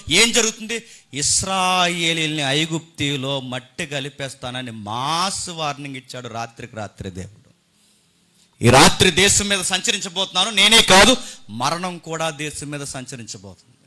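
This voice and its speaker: A middle-aged male pastor preaching with high, piercing force. His delivery is theatrical, with sudden swings between loud bursts and hushed asides. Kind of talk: Telugu sermon.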